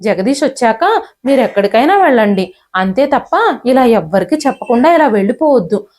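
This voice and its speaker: A kindly middle-aged housemaid talks gently and reassuringly in this spoken storybook. Her voice sits slightly high and plain, as a woman narrator reads her. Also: big pitch swings, fairly quick. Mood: soothing.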